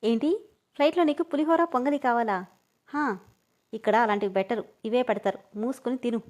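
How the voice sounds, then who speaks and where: A woman's voice: a little high, fairly quick, darkish tone, lightly acted. A woman reading a storybook who voices a curt, scolding young man who bosses a friend around. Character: gruff, bossy young man, curt but caring.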